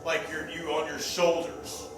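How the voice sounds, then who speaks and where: A man's voice: on the high side, monotone, unhurried. A man acting as game master, improvising scene descriptions conversationally in a hesitant, piecemeal way. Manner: hesitant, piecemeal descriptions with many hedging words. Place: roomy indoor game gathering. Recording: echoey room, distant mic, background sound.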